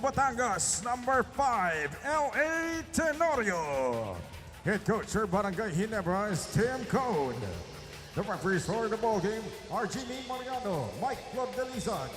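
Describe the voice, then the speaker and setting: A man works as an echoing stadium announcer, introducing lineups in a booming voice and drawing out player names. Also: very animated, a little slow, fairly bright tone. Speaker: arena announcer. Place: large indoor arena over PA. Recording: long arena reverb, music behind.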